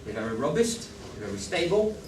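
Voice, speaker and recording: Delivering a conference talk at normal speed, this man has a voice on the high side and a French accent. He's animated and regularly asks his audience if they follow, seeking agreement. A roomy, distant recording of the large hall includes a noisy background.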